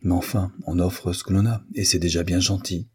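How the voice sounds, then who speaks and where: A man's voice: low voice, steady tone, a little fast, a little mellow, husky. A man reading an audiobook, voicing an impetuous young male violinist who answers with vehement, disdainful outbursts. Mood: indignant.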